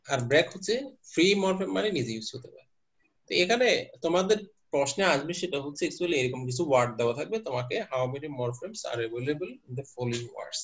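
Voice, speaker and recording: Speaking fast in a slightly high, expressive voice, a male university teacher walks his class through material step by step and quizzes them as he goes, slipping in English terms. The class recording sounds muffled and lo-fi.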